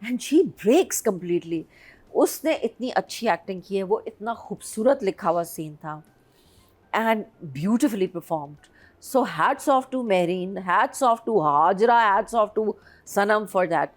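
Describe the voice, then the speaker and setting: A woman's voice: mid-range voice, animated, very slow. A woman in her fifties, reviewing a drama on a panel in an emphatic, heartfelt way. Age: 50s. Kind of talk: casual chat reviewing a drama.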